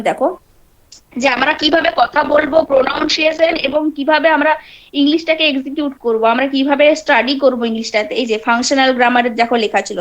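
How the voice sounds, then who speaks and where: A middle-aged woman with a Bengali accent, teaching an online class on a video call in an explanatory manner. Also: sits high. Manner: explanatory, scolding students now and then, fillers and restarts. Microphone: laptop or phone mic on a video call.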